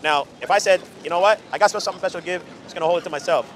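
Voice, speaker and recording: A man preaching conversationally on the street, in deliberate, stressed short phrases, recorded outdoors. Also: sits high, a bit bright. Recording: outdoor street with people and traffic.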